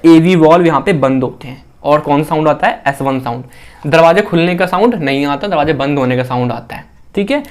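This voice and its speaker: A man with an Indian accent giving a casual classroom-style physiology lecture, often repeating phrases and asking the listener questions. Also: on the high side. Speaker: physiology teacher.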